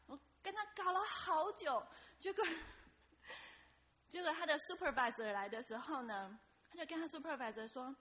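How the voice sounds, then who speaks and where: A woman sharing a testimony at church in a casual, lively storytelling way, acting out the voices of the people in her story. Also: high voice, moderate pace, background noise.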